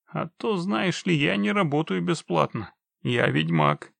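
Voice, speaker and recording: A man voicing a cold, mercenary witcher who speaks with chilling, mocking calm. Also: a little high, a little slow, vocal fry, no room sound, pitched above the performer's own voice, exaggerated voice. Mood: coldly mocking. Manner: icily calm, dry, mocking. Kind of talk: audiobook reading.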